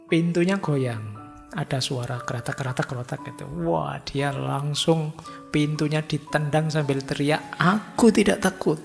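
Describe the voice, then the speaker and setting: A middle-aged man giving an informal philosophy study lecture, telling lively stories with acted quotes. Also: a little high, moderate pace, vocal fry. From Indonesia. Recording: music under long hall reverb.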